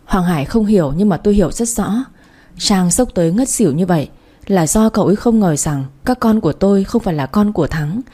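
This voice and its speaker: A woman hosting a night radio story channel, reading a novel aloud in a gentle, soft manner. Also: fairly low pitch. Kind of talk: scripted story narration.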